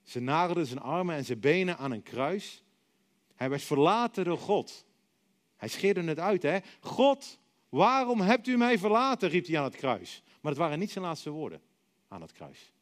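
A middle-aged male preacher with a fairly high voice and a very lively, swinging pitch. He tells his stories dramatically and lets many phrases sink to a soft, quiet finish. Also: moderate pace. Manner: dramatic storytelling, acting out voices and dropping to soft, quiet endings. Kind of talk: sermon.

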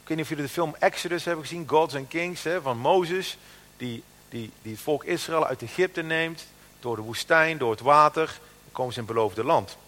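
A man in his thirties preaching a sermon, emphatic and animated, slowing down to stress the scripture he quotes. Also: on the high side, in a large hall.

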